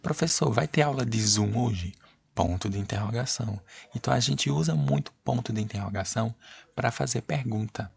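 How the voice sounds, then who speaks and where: A man with a Brazilian accent teaches an online class in a low, gravelly, husky voice. He circles back over the same points and keeps asking the class whether they follow. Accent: Brazilian Portuguese. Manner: repetitive, checks students understand. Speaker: Portuguese teacher.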